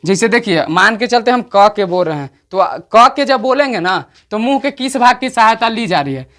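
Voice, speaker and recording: Man teaching, slow dictating checks. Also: sits high, animated, pushed and bright. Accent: Bihari. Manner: repeats "samjhe na?" checks, slows to dictate definitions. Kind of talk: online exam-prep lesson.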